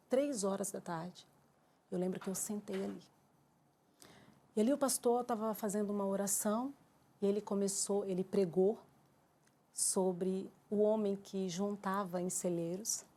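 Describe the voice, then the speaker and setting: A Brazilian woman giving an emotional church testimony, telling her story with lively acted-out dialogue. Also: medium pitch. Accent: Brazilian Portuguese. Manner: animated storyteller acting out her own quoted dialogue.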